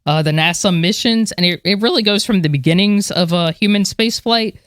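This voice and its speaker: A woman's voice: mid-range voice, brisk, smooth, no room sound, studio quality. A woman co-hosting a podcast, chatting animatedly about space history with lots of fillers. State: moved, a little emotional. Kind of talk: casual chat.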